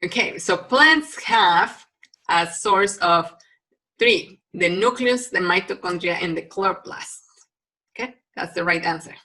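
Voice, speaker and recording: In a recorded biology lecture full of ums and restarts, a Mexican woman whose first language is Spanish speaks with a Mexican Spanish accent. Her voice sits fairly low and sounds expressive, bright and pushed, moving at a slightly slow pace.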